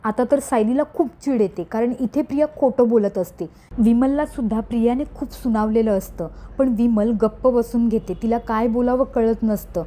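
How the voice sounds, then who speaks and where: A woman tells a serial's story in a steady, scripted recap. Her voice is a little high and mellow, with a warm, relaxed tone. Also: moderate pace. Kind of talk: scripted narration.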